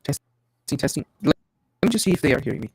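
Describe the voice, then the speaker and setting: A man's voice: on the high side, very animated, fast, darkish tone, husky, no room sound. A man interpreting live over an online call, his voice breaking up on a bad connection.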